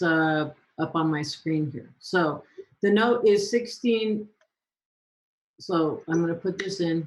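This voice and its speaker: A woman hosting a live Q&A who asks quick follow-up questions and encourages callers. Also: on the low side, rough recording. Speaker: host. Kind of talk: live Q&A coaching.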